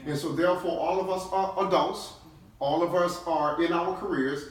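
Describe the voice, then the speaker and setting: At a moderate pace and in a fairly high, fairly even voice, a middle-aged New Orleans CEO gives his staff an emphatic pep talk during team-building, checking in with short questions. A distant mic in an echoey room captures it along with faint noise.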